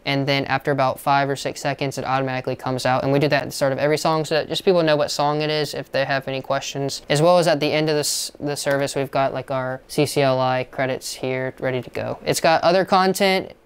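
A young man walks a visitor through a small, dark control room with a steady, matter-of-fact manner. His voice sounds very clear and smooth as he explains each piece of equipment in turn. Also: mid-range voice, fast, few pauses. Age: young adult. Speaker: church video technician giving a tour. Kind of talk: casual explanatory tour.

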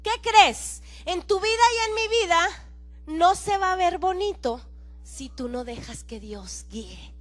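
A woman pastor giving a lively, playful sermon in a church, acting out little scenes and sometimes shouting in mimicry. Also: extremely high pitch, unhurried. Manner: animated, playful, acts out dialogue and shouts in mimicry.

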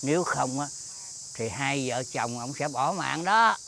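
Southern Vietnamese accent; a soft-spoken old man, coaxing, lively bright tone. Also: a little slow, creaky, a little hiss or hum, exaggerated voice. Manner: gentle, coaxing, low and soft. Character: kindly old man guiding a lost little boy. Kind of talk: TV fairy-tale drama acting.

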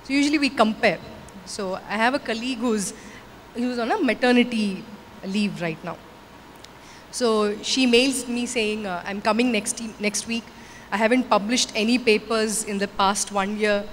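Woman, higher voice, in a hall. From India. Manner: measured, frequent "uh" fillers. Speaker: conference panelist, academic. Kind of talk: panel discussion answers. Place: large conference stage. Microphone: handheld microphone. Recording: stage hall with long reverb, faint noise.

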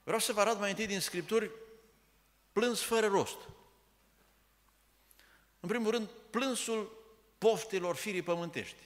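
Male preacher, emphatic sermon delivery, slightly high voice, long church-hall reverb. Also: long pauses. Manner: emphatic, rhetorical questions. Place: church sanctuary.

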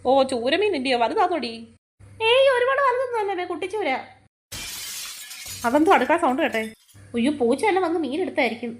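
A woman's voice: high voice, very animated, fairly quick, long pauses. A woman playing a fretful, scolding mother in a family comedy skit, full of exclamations.

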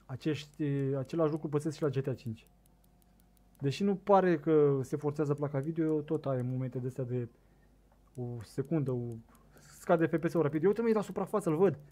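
A young man with a Romanian accent giving casual commentary on a fishing game, excitable and talking to his viewers, on a desk microphone set too loud. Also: a little high. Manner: excitable, shouts bursts at the game, talks to viewers. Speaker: gaming streamer.

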